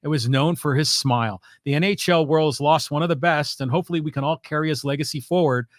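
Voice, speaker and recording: A man co-hosting a sports podcast, relaxed, reading audience comments aloud and chiming in briefly. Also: fairly high pitch, fast, no room sound, studio quality. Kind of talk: casual sports talk.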